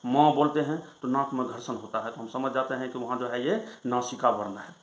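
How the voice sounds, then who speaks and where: A male Sanskrit grammar teacher explaining rules in a lesson, reciting them slowly and then asking and answering his own questions. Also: medium pitch, fairly even intonation, echoey room, poor audio. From Bihar, India.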